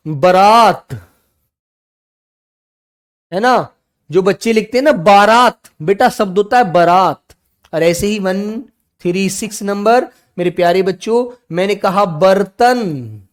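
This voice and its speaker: High-voiced man dictating a spelling class. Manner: dictates words slowly, repeating each one; calls students "बेटा" and "मेरे बच्चों". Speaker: teacher.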